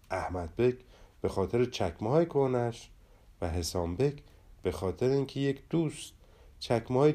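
Dark-voiced man telling a storybook tale. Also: medium pitch. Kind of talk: storybook narration.

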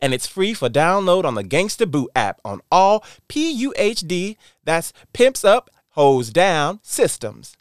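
A man's voice: high-pitched, very animated, a little slow, few pauses, clean tone, dry recording, clean studio sound, voice pushed up. A man voicing a stressed-out, exasperated woman in a parody radio ad.

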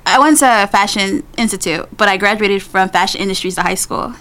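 A woman's voice: medium pitch, brisk, fairly bright tone. A woman of twenty-one with a New York accent, chatting casually as a guest in slangy speech and often laughing. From Queens, New York, USA. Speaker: podcast guest, private chef and caterer. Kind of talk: casual chat.

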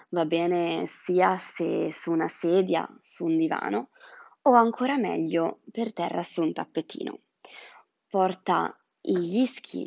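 A woman guiding a meditation in a soft, soothing, breathy voice that often drops into a whisper. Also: on the low side, no room sound, dull audio. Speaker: meditation guide. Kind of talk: guided chakra meditation.

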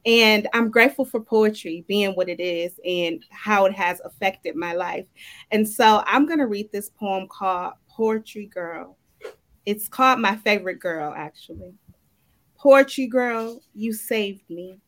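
A woman poet who thanks the host warmly and then recites her own poem in a slow, rhythmic way. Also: mid-range voice. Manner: emotional, grateful, rhythmic recitation. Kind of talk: casual chat and poetry reading.

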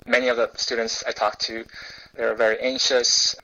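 A young man from South Korea who grew up in the US speaks as a reporter in an interview. He talks thoughtfully and casually, often stopping to restart a phrase with an "uh" or "you know." His voice sits in a moderate middle pitch. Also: little pitch movement, moderate pace, bright, forceful tone, dull audio. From South Korea, raised in the US. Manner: thoughtful, frequent fillers and restarts. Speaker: journalist guest. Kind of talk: conversational interview answers.

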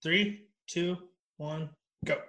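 A man running a word game on a radio show, his voice bright and a touch high for a man. He bosses and teases the players, swearing freely in loose studio banter. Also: extremely slow. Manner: bossy, teasing, swears freely. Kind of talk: casual joking banter. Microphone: studio microphone.

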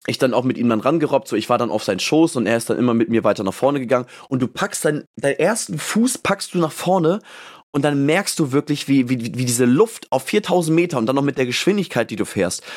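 Animated male podcast storyteller. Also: medium pitch, quick pace. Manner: animated storyteller, fills speech with "so" and "und so"; acts out his own thoughts as quoted lines. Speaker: podcast co-host. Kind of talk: casual chat, storytelling.

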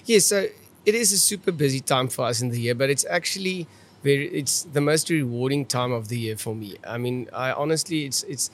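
A man's voice: medium pitch, brisk. A man from South Africa with an Afrikaans accent, answering conversationally as a viticulturist guest and often repeating words as he feels his way along.

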